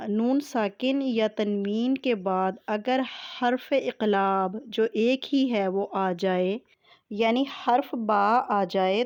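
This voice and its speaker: A woman teaching a tajweed lesson, explaining patiently and methodically and spelling letters out slowly. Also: fairly high pitch, darkish tone, no echo, studio quality. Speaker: Quran recitation teacher. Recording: dull lo-fi sound.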